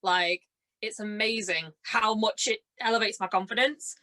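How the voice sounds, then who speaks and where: Medium-pitched and sharp-toned, this twenty-something woman talks at normal speed as a podcast guest. She's bubbly and giggly, eagerly telling anecdotes and performing what people said.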